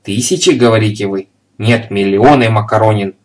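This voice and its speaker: A shrill, scolding landlady, as a male reader puts her on, loud and indignant. The voice is pushed a little higher than his own and sounds sharp with anger. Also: moderate pace, lightly acted. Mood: furious. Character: furious middle-aged landlady.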